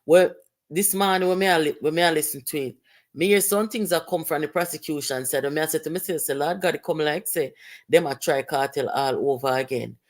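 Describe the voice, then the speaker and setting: Animated Jamaican co-host speaking patois. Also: medium pitch, a little fast. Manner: animated, exclamatory, often laughing. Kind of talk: casual talk-show discussion.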